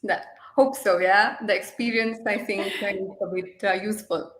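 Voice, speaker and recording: A young woman from Nepal answers questions as a guest in an online interview. She explains at length, pausing on fillers as she thinks, and sits at a mid pitch. Her voice carries a noticeable room echo. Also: steady tone, a bit bright. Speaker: guest, startup co-founder.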